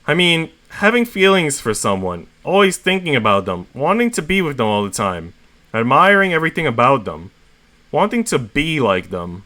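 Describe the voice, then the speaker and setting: An earnest, awkward adventurer boy, acted by a man in a story reading. His voice is lifted in pitch and his delivery is emphatic and excitable. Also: moderate pace. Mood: earnest, flustered.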